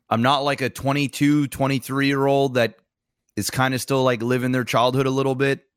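A man's voice: medium pitch, a bit bright, no room sound, clean studio sound. A man in his thirties co-hosting a gaming podcast, talking bluntly with slang. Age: 30s. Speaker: podcast co-host. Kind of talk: casual podcast chat.

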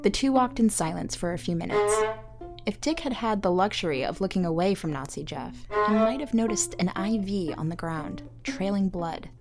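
A woman narrating an audio drama in a measured storytelling manner. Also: medium pitch, animated, over music.

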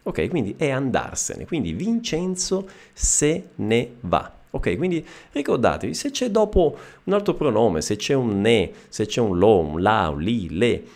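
Lively, gravelly language teacher man. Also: mid-range voice, a little slow, few pauses. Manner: lively explaining, checks with frequent "ok?". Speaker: Italian teacher. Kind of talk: video language lesson.

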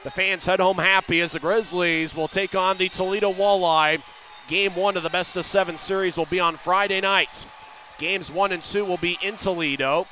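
Guy doing rapid hockey play-by-play, high sharp voice, short punchy phrases, bit of rink noise behind him. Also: steady tone. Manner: clipped running phrases swelling into drawn-out shouted goal calls. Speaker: hockey play-by-play announcer for the home team. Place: live at an ice hockey arena.

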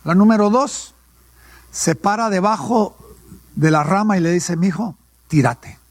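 Preaching with a high-pitched voice at a slightly slow pace, this male pastor asks questions and supplies the answers himself in call-and-response fashion. There is no room sound.

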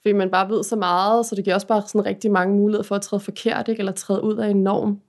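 A woman's voice: medium pitch, flat delivery, darkish tone. A woman talking openly and thoughtfully in a casual chat, often ending with a questioning tag. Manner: open, confiding, thoughtful.

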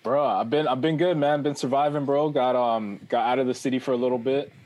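A man's voice: medium pitch, fairly even intonation, brisk, darkish tone. A man co-hosting a podcast in casual slang, repeating himself for emphasis. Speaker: podcast co-host. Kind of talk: casual chat.

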